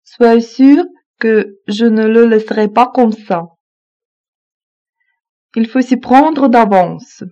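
A woman reads phrases aloud slowly, repeating each one evenly. Her voice is mellow and a little high. The recording sounds dull and lo-fi. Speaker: French phrase reader. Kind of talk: slow repeated phrasebook reading.

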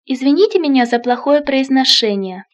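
Female phrase reader, high voice, measured delivery. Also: animated. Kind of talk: phrasebook reading.

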